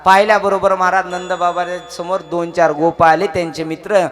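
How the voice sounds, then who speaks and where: A man from Maharashtra preaching a kirtan, telling a devotional story in a lively way, talking to his listeners and calling on them to clap. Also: sits high, fairly quick. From Maharashtra, India. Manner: lively storytelling, addresses listeners, calls for clapping. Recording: clear music behind.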